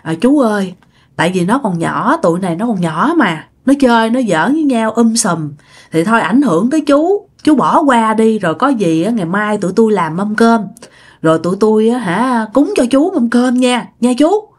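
Woman doing a coaxing village mother, lively voice. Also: on the high side, normal speed, husky. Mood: pleading. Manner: coaxing, placating. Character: pleading middle-aged village woman.

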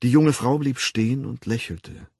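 A man narrating an audiobook with a measured, dramatic, husky reading. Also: medium pitch, warm tone, dry recording, clean studio sound. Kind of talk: scripted narration.

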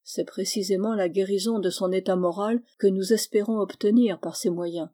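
Lady reader doing a calm polite doctor guy, measured, reassuring, warm mellow voice. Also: mid-range voice, lightly acted. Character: composed male doctor, courteous and reassuring.

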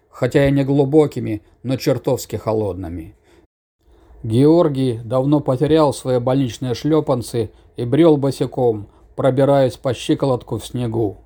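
Reading a fantasy tale aloud, this audiobook narrator keeps a steady, measured delivery. His voice sits at a medium pitch.

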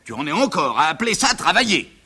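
A man voicing an exasperated middle-aged bourgeois father, who bursts out in shrill, indignant scolding in a one-man reading of a stage comedy. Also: sing-song, fast talker, pushed and bright, slightly rough, heavily acted. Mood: outraged.

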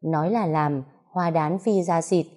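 A woman narrating an audio story in a calm, even storytelling manner. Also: on the low side, unhurried.

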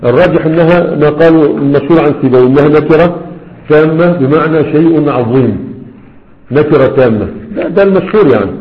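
A man's voice: a little high, quick pace, a little hiss or hum. A man with an Egyptian Arabic accent, a sheikh giving a classroom grammar lecture, explaining with rhetorical questions and checking often that students follow. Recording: dull lo-fi recording.

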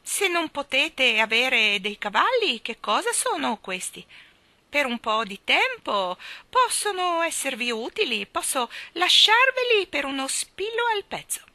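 A woman voicing an eccentric, bossy old woman with a shrill, squawking voice, speaking in emphatic, drawn-out exclamations. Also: big pitch swings, bright, forceful tone, no room sound, exaggerated voice.

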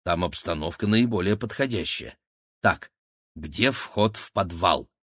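A man voicing a sharp-tongued teenage girl. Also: low voice, lively intonation, measured pace, slightly rough, heavily acted. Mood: confident. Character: quick-witted teenage girl, sharp-tongued twin sister. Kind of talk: audiobook character voice.

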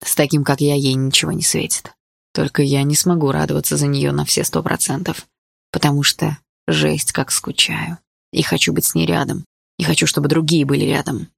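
A woman reading the part of a teasing, cocky teenage boy in love, in a soft manner. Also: deep voice, little pitch movement, normal speed, creaky, breathy edge, dry recording, clean studio sound, full character voice. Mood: wistful.

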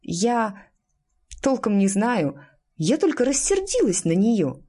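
A woman voicing a shy, plain-spoken young farm girl witch in an audiobook reading, speaking quietly and unsure. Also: medium pitch, very animated, slow pace, slightly rough, voice pushed up, exaggerated voice. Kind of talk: audiobook character voice.

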